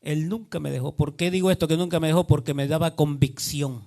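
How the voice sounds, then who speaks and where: A man's voice: fairly high pitch, steady tone, a little fast, creaky, dark tone. A man giving an earnest testimony sermon, often repeating himself and quoting others in dialogue. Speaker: preacher.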